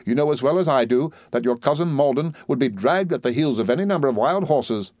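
A man's voice: expressive, a little fast, darkish tone, no room sound, clean studio sound, natural voice. A man voicing a fussy, overbearing old widow who gushes and talks with heavy emphasis. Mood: insistent. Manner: shrill, emphatic, gushing. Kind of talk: audiobook character reading.

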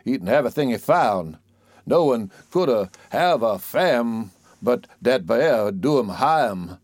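A man's voice: mid-range voice, dry recording, clean studio sound. A man reciting as a folksy old storyteller with a drawl. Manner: fond, scolding, folksy drawl. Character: old storyteller coaxing a fussy child. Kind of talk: dialect poem recitation.

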